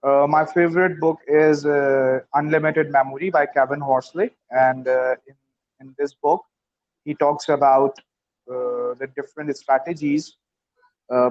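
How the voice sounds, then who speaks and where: A man's voice: a little high, darkish tone, dull audio. A man from Pakistan practicing English in an online conversation lesson, speaking hesitantly with many fillers and restarts. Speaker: student.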